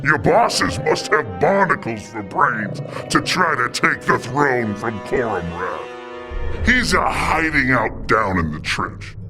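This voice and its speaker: A man's voice: mid-range voice, sing-song, slow pace. A man voicing a brash, hulking shark gangster in a video game, with slangy, mocking, drawling tough-guy talk. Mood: smug, menacing. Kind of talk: video game cutscene acting. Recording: game music behind.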